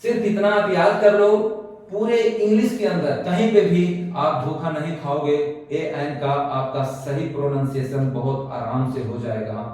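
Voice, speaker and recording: A man's voice: fairly high pitch, fairly even intonation, unhurried, a little mellow. A male coaching teacher giving a classroom grammar lesson, asking his own questions and answering them. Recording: echoey room, mic far off.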